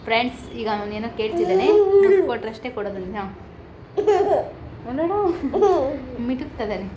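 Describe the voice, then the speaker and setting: A woman with a Malnad Kannada accent talks to her viewers from home in a casual vlog, with a voice that sits a little high. She slips into coaxing, playful baby talk with her young son. The phone recording has clear background noise running under her voice. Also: big pitch swings, brisk. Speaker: vlogger. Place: home indoors.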